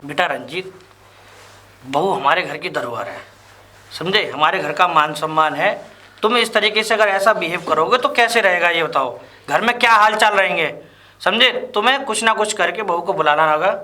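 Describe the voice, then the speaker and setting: A man's voice: high voice, a little fast, pushed and bright. A man playing a stern lecturing village father. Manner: lecturing, keeps asking "understood?". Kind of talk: amateur web drama acting.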